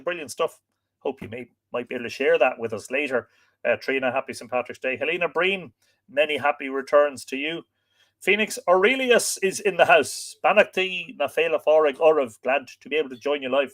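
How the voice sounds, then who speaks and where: A man's voice: on the high side, fairly bright tone. A man with an Irish accent and a lilting, storyteller-like delivery, chatting informally as host of a livestream. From Ireland. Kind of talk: informal livestream chat, reading out viewer greetings.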